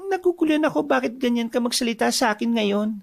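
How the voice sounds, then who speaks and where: A woman plays an anxious young village wife in a horror audio drama. Her voice sits fairly high with a gravelly creak, and she keeps pressing with worried, pleading questions. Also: animated, quick pace.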